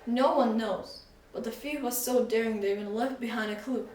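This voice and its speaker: A woman voicing a jolly, excitable male shopkeeper who stretches his words out for drama, in a storybook reading. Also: fairly high pitch, natural voice. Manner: drawn-out, dramatic emphasis. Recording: echoey room, voice from far off.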